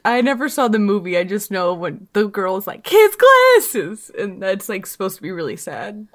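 A woman's voice: medium pitch, fairly quick. A young woman co-hosting a casual movie podcast, rambling through stories and often breaking into giggles. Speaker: podcast co-host. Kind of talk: casual chat.

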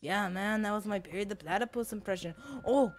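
A woman's voice: mid-range voice, a little fast. A woman giving casual, goofy, rambling commentary while playing a video game. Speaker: gaming video host. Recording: game music behind.

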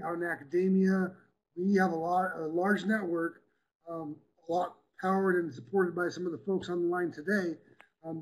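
A man giving a quick, upbeat, chatty presentation in an online meeting. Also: high voice, poor audio.

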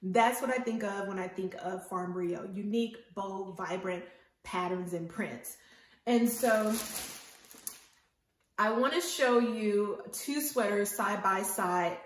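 At home in her bedroom, a fashion vlogger in her fifties chats eagerly with viewers about her vintage finds in a casual haul and try-on. Her mid-range voice moves slowly and sounds roomy, and she talks straight to the camera with real enthusiasm.

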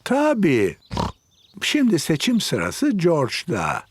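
A man voicing a gentle, kindly old grandfather pig with a husky voice in a children's cartoon dub. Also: fairly high pitch, huge pitch swings, takes it slowly, noisy background, full character voice.

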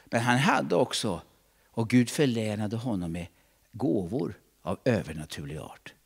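A middle-aged man preaching a sermon in a church, switching between loud calls and hushed asides. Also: lowish voice, creaky, breathy edge. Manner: animated, swings between shouting and hushed asides. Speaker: pastor.

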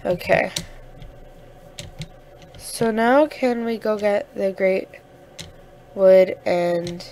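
Young woman chatting through gameplay, slow. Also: medium pitch, darkish tone, a little hiss or hum. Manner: chatty, easily flustered, sniffling. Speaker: gamer. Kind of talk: casual gameplay commentary.

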